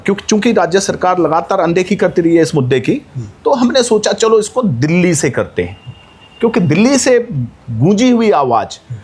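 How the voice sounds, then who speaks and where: A man's voice: sits high, sing-song, normal speed, darkish tone, breathy edge. A man speaking as an activist guest, making a rousing, rhetorical appeal that climbs to emphatic peaks. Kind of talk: impassioned interview speech.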